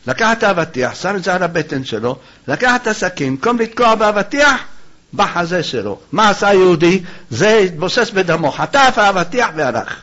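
Guy preacher, high voice, animated folk story telling, muffled lo-fi recording. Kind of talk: folk-tale sermon and candle auction. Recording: dull lo-fi recording.

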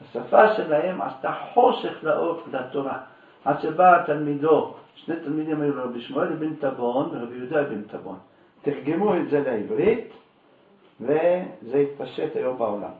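A man telling a lively religious story as a sermon, acting out the people in it. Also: a little high. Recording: echoey, distant, phone-like sound.

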